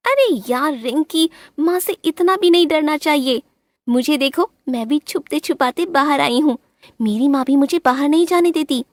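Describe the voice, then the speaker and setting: A woman's voice: high voice, moderate pace, dry recording, voice pushed up, lightly acted. Woman doing a playful coaxing bulbul girl. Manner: coaxing, easygoing.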